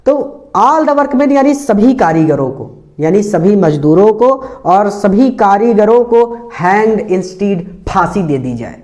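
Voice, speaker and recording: Man, teacher, very slow, repeats and rephrases each phrase. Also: high voice, very animated, a little mellow. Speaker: English teacher. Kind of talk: line-by-line Hindi explanation of an English text.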